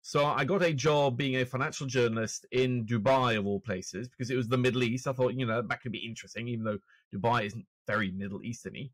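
This Norwegian man in his forties has a British accent and a mid-range voice, talking quickly and steadily with no room sound. He's a guest author and finance journalist on a video-call podcast interview, self-deprecating and full of restarts, using a stand-mounted podcast mic in a home room with shelves.

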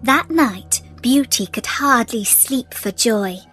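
A woman narrating a fairy tale for children in a gentle, expressive storybook reading. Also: fairly high pitch, takes it slowly, soft background music.

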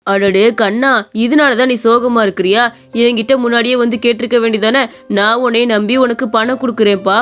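A woman voicing a gentle, kindly old man who runs a small appam shop, with a soft, fatherly, consoling way of talking. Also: on the high side, fairly even intonation, fairly quick, lightly acted. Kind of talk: animated story voice acting.

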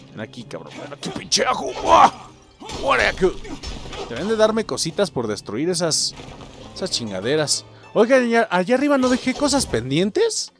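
A man with a Mexican accent giving profane, excitable let's play commentary and yelling at enemies. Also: a little high, normal speed, creaky, faint music behind. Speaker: gaming host.

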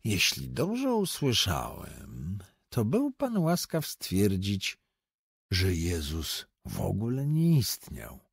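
A man's voice: sits low, wildly swooping pitch, creaky, husky, no room sound, studio quality, heavily acted. Man playing a courteous, eerie foreign stranger. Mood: courteous, wondering. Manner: courteous, slow, insinuating. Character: mysterious polite foreign gentleman, low-voiced, eerie.

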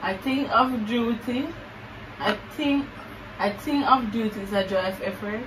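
Slow-talking young woman, noisy room. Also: on the high side. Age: young adult. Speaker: challenge player guessing phrases. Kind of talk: casual game chat, repeating guesses. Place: small living room, indoors. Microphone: camera a few feet away. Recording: noisy room, distant camera mic.

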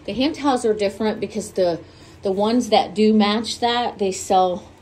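Holding her phone camera, a home vlogger walks through her house, casually pointing out where she bought each item. Her medium-pitched voice moves at normal speed and is a little mellow, with slight congestion left over from a cold. The low-quality recording carries a little hiss or hum.

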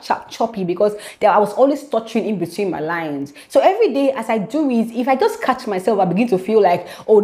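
A woman's voice: mid-range voice, a little mellow. A woman teaching a devotional lesson to camera, reading scripture aloud and explaining it in an earnest, preaching way. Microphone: camera mic, speaking to camera.

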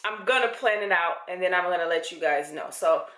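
A woman's voice: on the low side, fairly quick, a bit bright, reverberant. A young woman talking casually to camera in her home kitchen, chatting loosely with lots of fillers. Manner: chatty, rambling, with many fillers. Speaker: fitness vlogger. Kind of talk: casual vlog chat. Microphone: camera held close.

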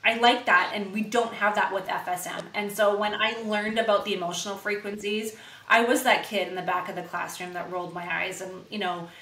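A woman in her forties, a guest telling animated stories in an interview and acting out the dialogue. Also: medium pitch, a little fast, roomy sound, poor audio. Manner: animated, acts out quoted dialogue. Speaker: guest, microcurrent practitioner. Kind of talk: conversational interview storytelling.

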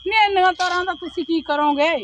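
A woman's voice: very high voice, fast, a little hiss or hum. A woman acting a poor village woman who pleads and complains in a family drama. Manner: pleading, plaintive.

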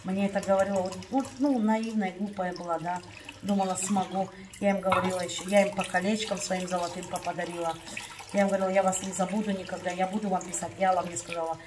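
Lower-pitched woman chatting to her viewers like girlfriends, confiding storytelling, sounds a bit far from the mic. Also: noisy background. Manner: chatty, confiding, keeps calling viewers "girls". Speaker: vlogger.

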